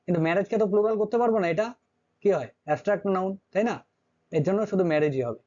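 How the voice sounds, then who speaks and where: A man's voice: high voice, expressive, rapid-fire, dark tone, muffled recording. A man teaching an English grammar lesson, constantly checking with his students through short questions.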